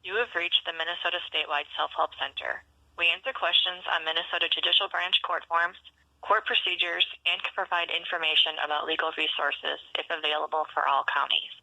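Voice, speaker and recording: Low, bright-toned woman on a phone menu. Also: steady tone, no echo, rough recording. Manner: clear, measured, spelled-out web addresses. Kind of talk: recorded phone greeting and menu.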